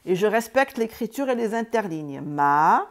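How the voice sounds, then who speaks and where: A woman teaching reading and spelling, sounding out words slowly, syllable by syllable. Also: medium pitch, very animated. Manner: slow, syllable by syllable, sounding out letters.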